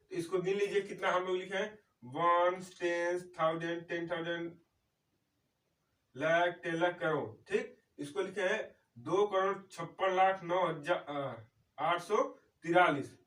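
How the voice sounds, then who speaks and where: High-voiced man teaching math in an echoey room. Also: a bit bright, recorded from a distance. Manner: explains slowly, often checks in with "okay". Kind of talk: step-by-step math lesson. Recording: echoey room, speaker away from mic.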